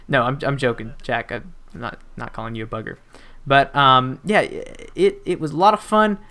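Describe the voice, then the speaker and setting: A man's voice: medium pitch, normal speed, bright, forceful tone. Chatty young man, gaming voice-over. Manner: rambling and chatty, with frequent fillers and restarts and playful asides. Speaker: gaming YouTuber. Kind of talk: casual gameplay commentary voice-over.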